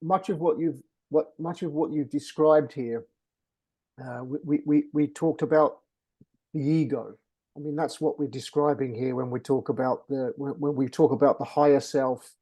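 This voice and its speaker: A man's voice: fairly high pitch, steady tone, normal speed, mellow. A man interviewing in a reflective spiritual conversation, searching for his words and often repeating himself. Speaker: interviewer questioning a channeler.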